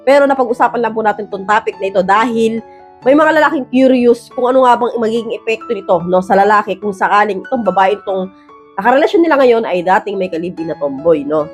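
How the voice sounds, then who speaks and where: A woman hosting an advice vlog in a casual, blunt way. She keeps checking in with tag questions, and her voice has a roughened edge from years of rapping. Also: mid-range voice, animated, soft background music. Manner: rapid, blunt delivery she calls man-like. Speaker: advice vlogger, host. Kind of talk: casual advice talk to viewers.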